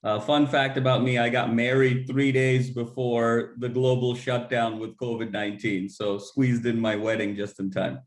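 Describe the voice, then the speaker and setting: A man from Los Angeles answering panel questions in a measured, halting way. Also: mid-range voice, little pitch movement, echoey room. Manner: measured, halting, many fillers and restarts. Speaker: panelist, MSx student.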